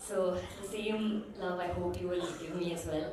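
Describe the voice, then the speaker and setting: A young actress giving a thank-you speech on stage, mixing Tamil and English and running through a list of names with fillers. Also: female voice, lowish voice, drawn-out words. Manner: flat and steady, listing names with fillers. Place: large event hall. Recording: echoey hall from far off with crowd.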